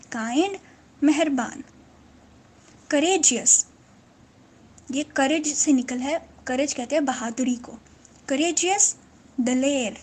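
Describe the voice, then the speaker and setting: A woman teaching English vocabulary, repeating each word slowly and clearly. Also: high voice. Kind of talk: vocabulary lesson.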